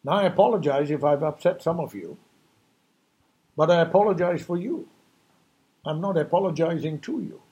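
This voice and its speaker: An emphatic, preachy man with a fairly high voice, delivering an impassioned New Year monologue. He hammers his points home and keeps throwing out rhetorical questions. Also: darkish tone, highs cut off. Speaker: speaker giving a New Year message.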